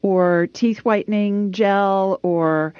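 A woman's voice: medium pitch, fairly even intonation, takes it slowly, clear, resonant tone, no room sound. A woman hosting a call-in show in a casual, chatty way, recorded with slightly dull sound. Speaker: host of a psychic call-in show.

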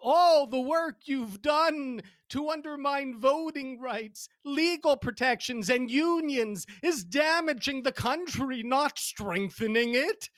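A woman doing a high, slow, lecturing ghost. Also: no echo. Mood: stern. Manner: slow, deliberate and moralizing. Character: lecturing ghost in costume, stern and moralizing. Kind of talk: comic audio sketch acting.

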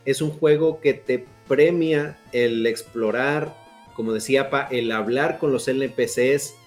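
A podcast co-host talks in a loose, slangy way, explaining at length. His voice is at a medium pitch, and faint music runs underneath. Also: measured pace. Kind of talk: casual podcast chat.

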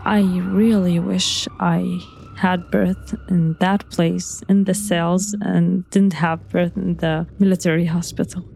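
A young woman whose first language is Arabic, recounting her own experience in halting speech, repeating words with soft nervous laughs. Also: lowish voice, flat delivery, vocal fry, a little hiss or hum. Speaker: interviewee. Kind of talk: recounting personal testimony.

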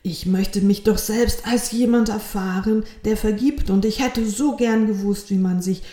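A woman's voice: medium pitch, unhurried, dark tone, close to an everyday voice. A woman voicing a small, eager, wondering little soul in a storybook reading, talking with a touch of impatience. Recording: roomy echo.

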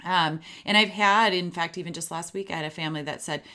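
A middle-aged woman hosting a solo parenting podcast, talking in a chatty, lively way and acting out sample lines to say to kids. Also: on the low side, quick pace. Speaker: podcast host and parenting coach. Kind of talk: solo podcast advice talk.

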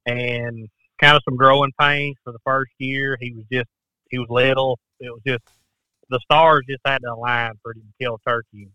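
A man's voice: medium pitch, level tone, normal speed, sharp tone, clean tone, no room sound, poor audio. A middle-aged man chatting casually as a podcast guest, with folksy phrasing. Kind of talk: casual chat.

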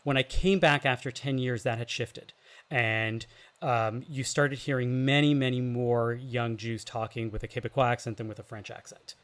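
A man from Montreal hosting a podcast, talking in a measured way with hesitant ums. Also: mid-range voice, steady tone, a bit bright. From Montreal, Canada. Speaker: podcast host. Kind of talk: casual chat.

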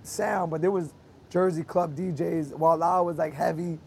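Male radio dj guest, highish voice, relaxed, talks things through. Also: moderate pace, gravelly, a little hiss or hum. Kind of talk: casual chat.

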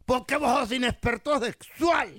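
A man's voice: very high voice, moderate pace, a bit bright, no room sound, clean studio sound. A man putting on a brash, slangy Central American tough guy with a Salvadoran accent and a mocking, exaggerated manner. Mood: taunting.

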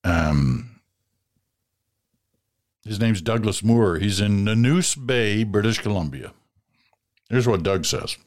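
A man's voice: lowish voice, expressive, slow pace, long pauses. A man hosting a talk show, chatting casually and reading listener mail aloud in a self-deprecating, chatty way. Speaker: podcast host.

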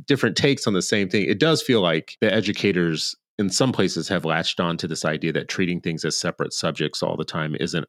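A man co-hosting a podcast, talking in a measured, conversational way and pushing back on points. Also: low-pitched, no room sound, studio quality. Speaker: podcast co-host. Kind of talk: casual podcast discussion.

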